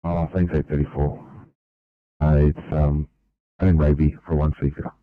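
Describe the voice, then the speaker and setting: A deep-voiced man calls in over a two-way emergency radio, keeping his words clipped and procedural. His voice comes through clear and dry despite the tinny, narrowband channel. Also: level tone, normal speed, no echo. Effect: two-way emergency radio transmission.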